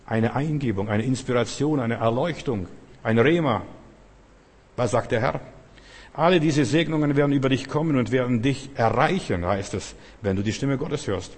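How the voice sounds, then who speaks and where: Husky male preacher in a reverberant hall. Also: medium pitch, moderate pace. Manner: emphatic, repetitive preaching with rising bursts. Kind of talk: sermon.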